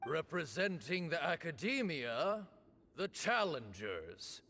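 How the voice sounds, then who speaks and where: A man playing a grand, ceremonious officiant of a sacred duel rite in a video game, speaking formally and with measured gravity. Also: a little high, very animated, pushed and bright, heavily acted. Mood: solemn.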